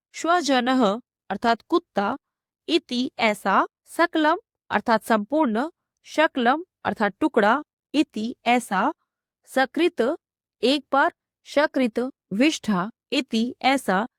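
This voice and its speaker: A woman's voice: a little high, dry recording, clean studio sound. A woman teaching a school textbook lesson, reading each phrase aloud and then explaining it, line by line. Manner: reads each Sanskrit phrase, then gives its meaning. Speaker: Sanskrit teacher.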